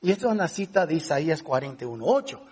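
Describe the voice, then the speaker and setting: Husky, lively-voiced male preacher. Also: on the high side, fast talker. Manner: emphatic preaching with questions to the congregation and English fillers. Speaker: pastor. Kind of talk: sermon.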